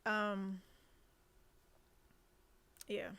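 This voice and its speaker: A woman hosting an interview, listening closely and asking slow, thoughtful questions. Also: medium pitch, clear, resonant tone. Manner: soft, steady back-channel listener, asks slow thoughtful questions. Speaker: podcast host.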